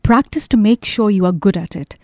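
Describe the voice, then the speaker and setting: A man's voice: high voice, animated, fairly quick, dry recording, studio quality. A woman doing a wry, worn-out young man. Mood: matter-of-fact.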